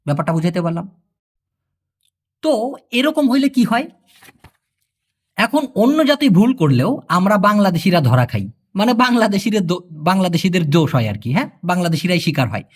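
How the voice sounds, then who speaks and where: Lively high-voiced man explaining phrases. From Bangladesh. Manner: explains patiently, repeats phrases slowly, asks the viewer questions. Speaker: language tutor. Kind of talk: casual spoken language lesson.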